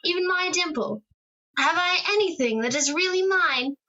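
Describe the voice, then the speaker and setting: A woman's voice: very high voice, expressive, normal speed, bright, forceful tone, muffled recording, exaggerated voice. A woman acting in an old radio drama as a young daughter, affectionate and teasing with her father. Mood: playful. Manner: affectionate, teasing, then pleading. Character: young woman Margaret, playful and clinging.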